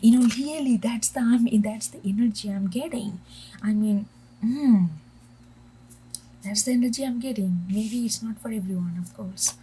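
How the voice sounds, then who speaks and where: A woman giving an intuitive tarot reading, talking in a halting way with many restarts and slipping into soft half-whispers. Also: fairly high pitch, slight background noise, low-quality recording. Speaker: tarot reader.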